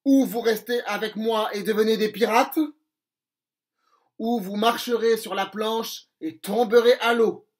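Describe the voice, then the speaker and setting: A man voicing a wicked, hot-tempered pirate captain in a children's storybook reading, loud and falsely polite. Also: high voice, fairly even intonation, unhurried. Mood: threatening.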